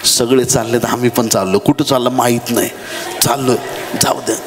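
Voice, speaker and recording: A man preaching a dramatic sermon in a church, dropping to low murmurs and rising to high shouted appeals. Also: steady tone, moderate pace. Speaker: pastor. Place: church hall. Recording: echoey hall with faint background noise.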